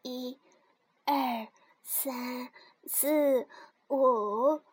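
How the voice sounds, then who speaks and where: A woman voicing a gentle little rabbit who speaks softly and hesitantly. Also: high voice, fairly even intonation, extremely slow, breathy edge, dry recording, exaggerated voice. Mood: timid.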